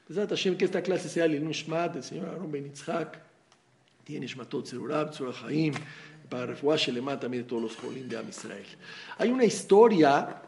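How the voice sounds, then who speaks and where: Man teaching a lively Torah class. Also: a little high. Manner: animated storyteller who acts out dialogue. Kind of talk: religious class with storytelling.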